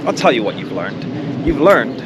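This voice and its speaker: A man's voice: medium pitch, sing-song, moderate pace, lo-fi sound, very noisy. A man who trains dogs, talking bluntly and directly to the viewer while walking a dog outside. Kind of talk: outdoor training instruction. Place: outdoors on a street.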